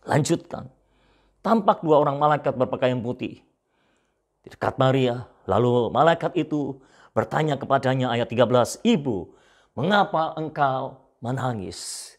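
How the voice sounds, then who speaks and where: A man preaching a sermon, addressing his listeners directly and swinging between loud repeated phrases and hushed asides. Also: mid-range voice, moderate pace. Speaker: pastor.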